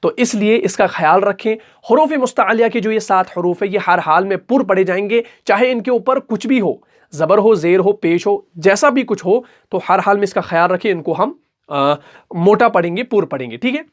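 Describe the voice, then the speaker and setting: A man teaching a recitation lesson in an online class. He stretches each example word out slowly and keeps checking in with the listener. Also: high voice.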